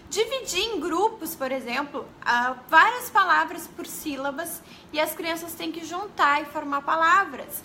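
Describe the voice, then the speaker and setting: A woman with a high, bright voice gives a casual live lesson from home. She talks straight to her viewers in a friendly, chatty way and often stops to correct herself. A faint hiss of room noise sits behind her. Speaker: teacher giving a live class. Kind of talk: casual live-stream teaching.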